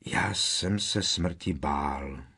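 A man voicing a sorrowful old gentleman ghost who speaks quietly and hesitantly in an audiobook. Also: lowish voice, big pitch swings. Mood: mournful. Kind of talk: audiobook character reading.

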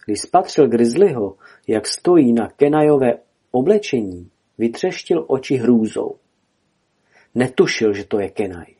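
A man reading a storybook aloud as narrator, telling it dramatically in a husky voice. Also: medium pitch, big pitch swings, dark tone.

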